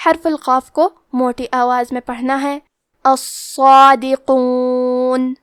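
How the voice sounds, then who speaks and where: A woman with a high voice gives a methodical recitation lesson, going through each rule in careful steps. The recording is close and dry, with no room sound. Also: steady tone, clear, resonant tone, no room sound. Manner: methodical, step-by-step explanation with drawn-out recited words. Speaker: Quran recitation teacher. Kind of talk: tajweed lesson, explaining rules then reciting slowly.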